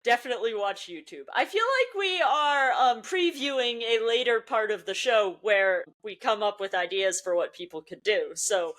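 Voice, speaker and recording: A woman co-hosting a podcast in casual chat, excitable and quick to laugh. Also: on the high side. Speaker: podcast co-host.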